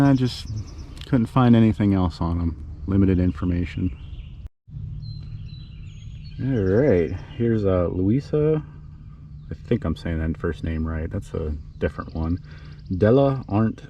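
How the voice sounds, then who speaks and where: A man talking quietly, as if not to wake anyone, giving a casual narrated history tour outdoors. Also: low voice. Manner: hushed, speaking quietly so as not to wake the neighbours. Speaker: vlog host narrating cemetery history. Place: outdoors in a small neighbourhood cemetery. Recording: slightly muffled, outdoor background noise.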